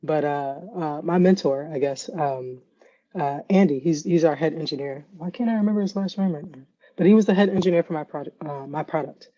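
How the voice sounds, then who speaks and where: Animated woman guest with a mellow tone. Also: deep voice, brisk, muffled recording. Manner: animated storyteller, laughs often, acts out quotes. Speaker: guest, AI ethicist and consultant. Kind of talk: casual conversational interview.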